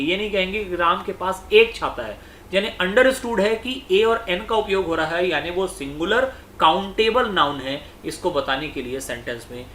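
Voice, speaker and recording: In an exam-prep lecture, a male teacher explains things slowly, repeats himself, and reads example sentences aloud. His voice is high with a sharp tone, and the audio sounds roomy with a little hiss or hum.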